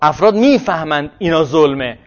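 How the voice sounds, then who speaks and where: A man's voice: a little high, animated, dull audio. A man giving a classroom lecture on social theory, thinking aloud and often restarting words mid-phrase.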